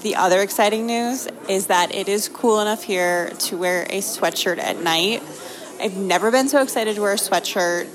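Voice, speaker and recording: A woman's voice: medium pitch, normal speed, poor audio. An American woman from Maine hosting a travel show, narrating vlog-style in an upbeat, enthusiastic way. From Maine, United States. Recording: music behind the voice.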